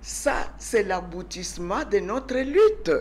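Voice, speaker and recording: A woman's voice: lowish voice, unhurried, slight background noise. Older woman telling her story. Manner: animated, emphatic, drops to soft murmurs. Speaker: guest. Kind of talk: TV interview storytelling.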